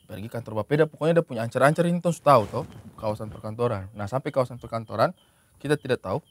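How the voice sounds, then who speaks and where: A man's voice: medium pitch, rapid-fire. A young man in a casual chat, animatedly telling a story he insists is true. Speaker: podcast co-host.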